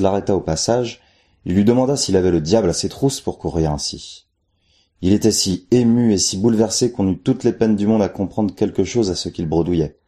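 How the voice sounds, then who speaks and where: Brief: male storyteller, deep-ish, warm dark tone, measured narration. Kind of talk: first-person folk tale narration.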